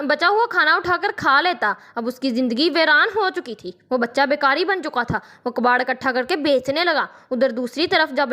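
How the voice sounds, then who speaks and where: High-voiced woman telling a dramatic tale. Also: pushed and bright. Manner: earnest, dramatic. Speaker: storyteller. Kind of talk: scripted narration of a moral tale.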